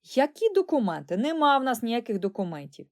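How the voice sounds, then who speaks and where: A woman's voice: on the high side, very animated, fairly quick, pitched above the performer's own voice. A woman voicing a plain-spoken young girl in a storybook.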